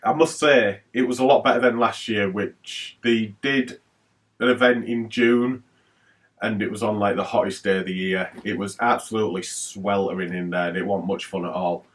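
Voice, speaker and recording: Chatty man, low voice, slightly off mic. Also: fairly even intonation, normal speed, fairly bright tone, distant mic. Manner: chatty and rambling, with many fillers. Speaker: retro gaming YouTuber. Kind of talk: casual haul vlog talk.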